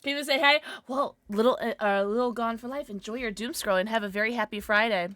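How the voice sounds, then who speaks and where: A woman livestreamer chatting casually with her viewers in a playful, giggly, excitable manner. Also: fairly high pitch, quick pace, no room sound. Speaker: live streamer, host.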